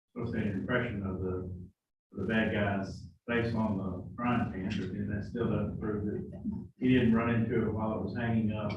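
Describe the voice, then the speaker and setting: A man's voice: lowish voice, heavy reverb, distant mic, dull audio. A man answering as a prospective juror, hesitant and full of fillers. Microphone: video call.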